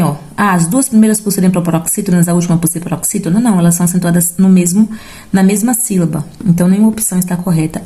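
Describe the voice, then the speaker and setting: A woman's voice: medium pitch, darkish tone. Chatty woman teacher with a Brazilian accent. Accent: Brazilian Portuguese. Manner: explains step by step, with frequent "ó" and "tá?"; casual, encouraging teacher tone. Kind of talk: exam-prep grammar lesson.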